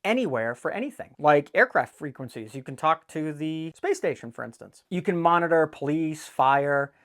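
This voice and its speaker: A slightly high, animated, fairly bright voice at a moderate pace belongs to a man hosting a casual boating DIY vlog indoors in an office. He speaks to viewers head-on with folksy, irreverent humor, blunt remarks and swearing.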